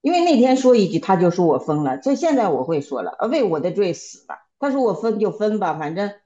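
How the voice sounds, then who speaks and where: A woman sharing a personal testimony in a Bible study group, halting and often repeating and restarting her words. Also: mid-range voice, very animated, mellow, lo-fi sound. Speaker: church member sharing testimony.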